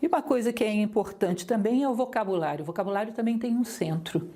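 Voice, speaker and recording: A woman lecturer teaching public speaking, talking straight to her listeners with lively, varied intonation. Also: mid-range voice, fast talker. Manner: didactic, lively intonation, addresses listeners directly.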